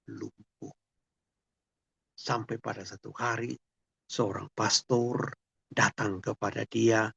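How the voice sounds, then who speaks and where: Male priest, sermon, very slow, gravelly and husky, dry dull recording. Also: on the low side, fairly bright tone, no room sound. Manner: slow, storytelling homily.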